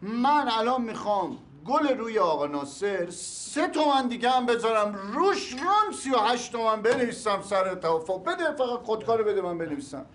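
A man's voice: high voice, very animated, fairly bright tone. An actor playing a hot-tempered man who fawns, then turns angry and pushy over his inheritance. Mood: coaxing. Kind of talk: TV series acting.

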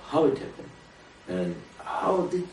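A man giving an earnest sermon to a small gathering, speaking in a measured way that rises for emphasis. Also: on the high side, sing-song, a little mellow. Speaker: religious speaker. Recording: roomy room from a distance, faint noise.

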